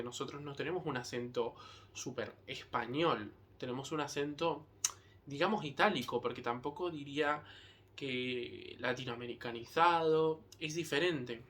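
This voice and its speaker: A man from Argentina with a Rioplatense accent, talking casually to his viewers in a rambling, hesitant way with lots of filler pauses. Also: mid-range voice, a bit bright, slight background noise. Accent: Argentine Rioplatense Spanish. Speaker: vlogger. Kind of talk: casual talk to camera.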